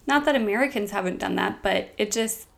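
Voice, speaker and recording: A woman's voice: medium pitch, fairly quick, gravelly, crowd noise. A woman co-hosting a podcast in casual chat, giggly and self-deprecating, often trailing off. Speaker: podcast co-host.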